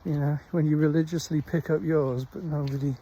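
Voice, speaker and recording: The recording is low quality: a middle-aged Welsh vlogger, a little high-voiced with a steady, dark tone, talks into a handheld phone while out walking his dog in the countryside. His chat is casual and meandering, with plenty of pauses.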